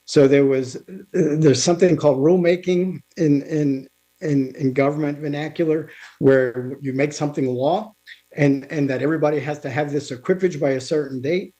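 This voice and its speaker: A man giving an informal technical talk over a remote call, halting, with many restarts and fillers. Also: on the high side, fairly even intonation, mellow. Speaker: guest speaker on aviation technology. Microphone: remote video call.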